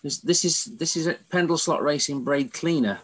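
A man chatting on a video call, halting and restarting his phrases. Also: a little high, breathy edge. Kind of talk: casual video call chat.

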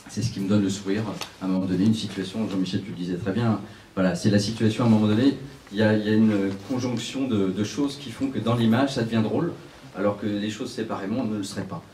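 A man's voice: lowish voice, mellow, slight background noise. Middle-aged man, chatty exhibition talk, repeats words; sounds distant in an echoey room, faint murmur. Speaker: photographer presenting his exhibition. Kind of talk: casual speech to an audience. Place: small gallery, indoors. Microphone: handheld mic.

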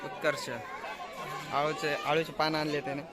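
A man with a slightly high, monotone voice vlogs at normal speed as he wanders a school children's outdoor village market. Amid the busy noise of a crowd of kids, he casually interviews people with brief, friendly questions and echoes their replies.

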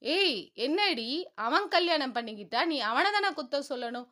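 A stern, domineering middle-aged mother from a storybook, scolding and irritated in her manner, read by a woman. The voice sits high and bright. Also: animated, moderate pace.

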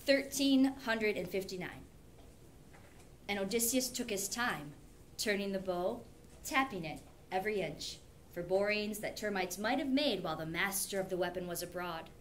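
In an indoor classroom, a middle-aged woman teacher gives a theatrical read-aloud mixed with informal explanatory comments. She speaks in a mid-range voice with lively intonation and a moderate pace, captured by a camera a few metres away amid background noise.

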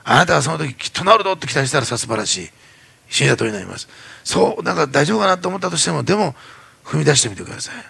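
A man preaching in a church as pastor, telling stories in an animated way and acting out the people he quotes. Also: a little high, very fast, vocal fry, breathy edge. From Japan. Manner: animated storytelling, acts out quoted voices. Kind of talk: sermon.

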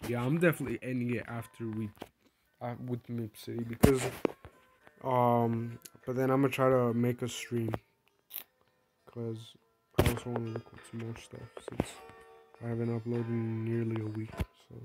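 A man's voice: medium pitch, steady tone, moderate pace, over music. A young man who is sick, casually narrating his game in a rambling, playful, self-mocking way. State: sick, coughing. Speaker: gaming vlogger. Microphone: phone screen recording.

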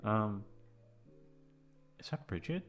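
A voice actor in his twenties drifts through a casual, hesitant chat with listeners, making fun of himself and swearing often. He speaks slowly in a lowish, sing-song voice, with background music underneath.

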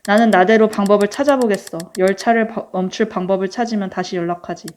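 A woman's voice: medium pitch, fast talker, darkish tone, lightly acted. Woman voicing a brusque young subway worker. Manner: casual, brusque, matter-of-fact. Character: young male subway service worker, breezy. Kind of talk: reading a story game aloud.

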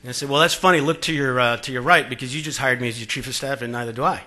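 At a conference room podium, a Boston man in his forties tells stories conversationally, using many fillers and acting out quoted exchanges into the podium microphone. His medium-pitched voice is rapid-fire, pushed, and bright.

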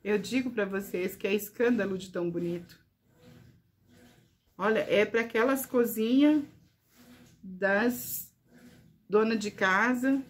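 A woman showing her handmade crafts to viewers in a casual vlog, gushing with praise and often calling out to her audience. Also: medium pitch. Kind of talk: casual show-and-tell vlog.

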